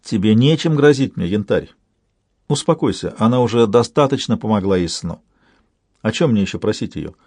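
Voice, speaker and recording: A man voicing a proud female living ship that speaks calmly and in measured tones. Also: on the low side, husky, no echo. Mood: cool.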